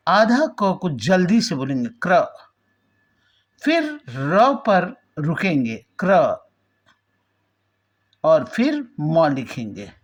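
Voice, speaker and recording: Slow, lively-voiced woman teacher. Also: fairly low pitch, highs cut off. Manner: patient, repeats words aloud to demonstrate sounds. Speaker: Hindi teacher. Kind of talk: spelling and pronunciation lesson.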